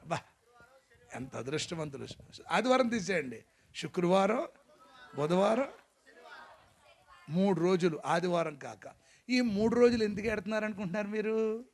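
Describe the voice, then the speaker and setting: A man preaching a lively, joking sermon as pastor to a congregation in a church hall, urging the crowd to shout. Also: sits high, moderate pace, long pauses.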